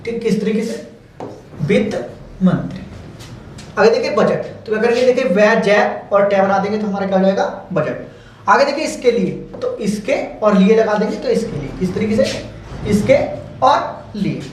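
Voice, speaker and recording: Echoey Hindi shorthand teacher, distant mic. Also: male voice, sits high, lively intonation, normal speed, slight background noise. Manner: patient, repetitive explaining. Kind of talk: step-by-step stenography lesson. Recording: very echoey room, mic far off.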